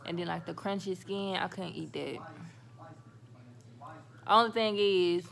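A woman's voice: on the low side, fairly even intonation, measured pace, a bit bright. A young woman vlogging casually in a car, talking with braces on and chatting to her viewers as y'all, a little slurred by the braces. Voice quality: talks a little funny with braces. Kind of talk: casual vlog update. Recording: phone recording with clear car noise. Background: car and road noise.

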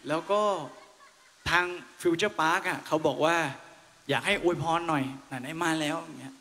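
A man's voice: on the high side, a little slow, gravelly, sharp tone. A young man, a singer on a mall stage, playfully teasing and joking with his crowd between songs. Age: young adult. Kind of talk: live stage banter with a crowd. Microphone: handheld stage mic through PA. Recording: reverberant live venue, faint music.

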